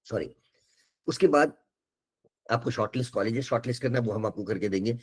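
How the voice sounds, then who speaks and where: A man's voice: mid-range voice, a little fast, husky. An older man, an education counsellor giving an earnest, reassuring webinar talk that keeps switching between Hindi and English.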